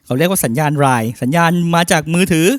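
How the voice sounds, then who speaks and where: A middle-aged man selling audio equipment, pitching and demonstrating a mixer in a blunt, opinionated, persuasive way. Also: quick pace, no room sound, studio quality. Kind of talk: sales pitch and product demo.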